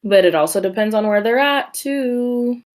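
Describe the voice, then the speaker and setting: A woman's voice: a little high, lively intonation, moderate pace. A young woman co-hosting a casual review podcast, chatty and playful. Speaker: podcast co-host.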